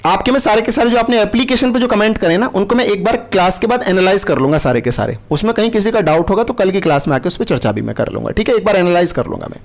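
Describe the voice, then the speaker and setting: A man's voice: high-pitched, expressive, fast, vocal fry, hardly any pauses. A man teaching a live online maths class, patient and coaxing, repeating each step and checking that his students follow. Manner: addresses students as kids, coaxing.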